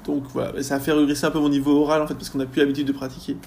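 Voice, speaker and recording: A young man, a university student, chatting casually in a podcast interview, often pausing on fillers as he thinks. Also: on the high side, flat delivery, a little mellow, a little hiss or hum. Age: young adult. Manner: chatty, lots of hesitations and fillers.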